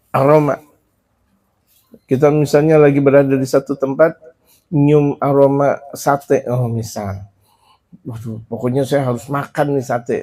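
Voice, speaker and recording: Male preacher, fairly high voice, lively sermon style, Arabic recitation mixed with chatty asides. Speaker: Islamic preacher. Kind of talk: sermon teaching a religious book.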